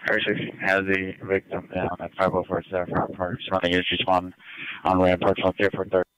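A man's voice: low-pitched, completely flat delivery, a little fast, a bit bright, clean tone, dry recording, low-quality recording. A man working as a police dispatcher, relaying status reports procedurally over a police radio. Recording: police scanner radio transmission.

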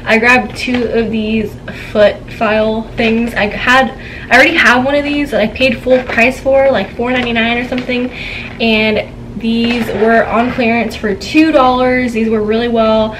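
Fairly high in pitch, with fairly even intonation and a measured pace, a young woman vlogs a haul from a noisy room at home. Sitting before a camera on a tripod, she's chatty and giggly, telling stories with a gossipy flair.

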